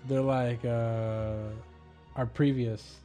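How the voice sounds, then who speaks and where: A man's voice: medium pitch, flat delivery, extremely slow, over music. A man with a Southern US accent in casual podcast chat, dry and needling as a co-host. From Southern United States, Arkansas.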